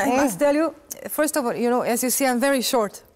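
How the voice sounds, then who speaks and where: A woman in her forties, a guest in an interview, talking earnestly in halting English and laughing often. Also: high-pitched. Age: 40s. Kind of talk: casual interview chat.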